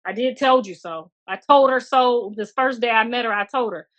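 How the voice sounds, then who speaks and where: Outdoors on a phone livestream, a middle-aged mom rants casually and frankly to her viewers, addressing them as honey and girl. She speaks at a moderate pace in a slightly high, somewhat bright voice.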